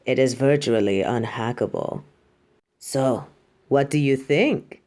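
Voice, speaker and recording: In a theatrical audio roleplay, a woman plays a vain, imperious designer of superhero costumes, haughty and dramatic yet doting toward the listener. Her voice rumbles low with a darkish tone, and she speaks at a slow pace. The mood is proud and showy.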